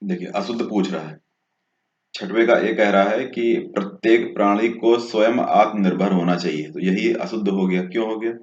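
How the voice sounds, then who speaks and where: In a dull, echoey room, a man with a lowish voice talks at a normal speed. He works through exam questions as a tutor, step by step, often pausing for a quick "okay."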